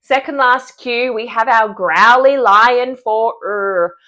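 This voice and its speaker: A woman's voice: on the high side, slow, sharp tone. A woman speech-language pathologist explaining animal sound cues for children's speech therapy in an upbeat way, showing the sounds as she goes. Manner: upbeat, demonstrates sounds and gestures.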